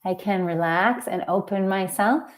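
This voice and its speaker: A woman hosting a live healing talk, speaking gently and reflectively with drawn-out words. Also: mid-range voice. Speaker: emotional healing coach and host.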